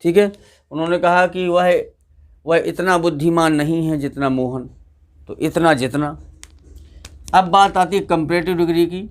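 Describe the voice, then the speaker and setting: Male teacher with a slightly high voice, drilling grammar rules in class through call-and-response. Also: steady tone, normal speed, long pauses. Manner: asks students questions and repeats the answers.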